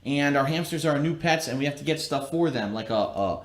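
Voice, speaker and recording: Guy rambling on a cheap laptop stream, big cave echo from the empty house, voice sits a bit high. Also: animated, brisk. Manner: rambling, plain-spoken. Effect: cavernous room echo from bare, unfurnished rooms. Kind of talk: casual chat about home plans. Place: empty newly moved-into house, indoors. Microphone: laptop livestream. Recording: echoey empty room on a low-quality laptop stream.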